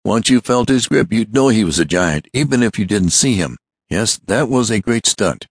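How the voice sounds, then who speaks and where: A man reading a story aloud, voicing a short, stout, fussy businessman who talks in a rapid, boastful rush. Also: lowish voice, expressive, slightly rough, no room sound, clean studio sound, voice pushed up. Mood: flattering. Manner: rapid, breathless, boastful chatter.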